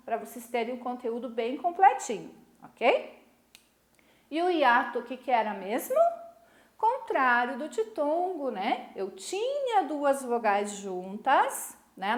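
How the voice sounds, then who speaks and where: A Brazilian woman teacher giving a recorded lesson, patient, checking in often with short tag questions. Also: sits high. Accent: Brazilian Portuguese. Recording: echoey room.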